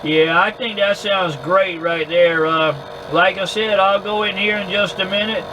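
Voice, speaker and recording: High-pitched man chatting on two-way radio. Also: fairly even intonation, measured pace, lo-fi sound. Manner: hesitant, easygoing, repeats words. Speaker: amateur radio operator recording contacts. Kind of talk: casual two-way radio chat. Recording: clear background hum and noise.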